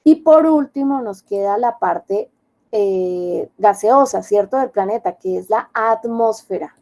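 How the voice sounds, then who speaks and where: A woman teaches an online class, explaining step by step and often asking questions to check that her students understand. Her voice is warm and medium-pitched, and she takes it slowly. The recording is rough.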